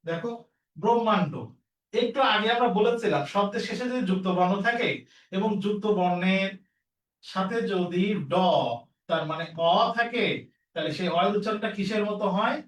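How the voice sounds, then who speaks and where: A man's voice: high-pitched, moderate pace, fairly bright tone, echoey room, distant mic, rough recording. A man teaching an exam-prep lesson, repeating each rule and quizzing his students as he works through the questions. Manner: repetitive, drilling rules with questions to students.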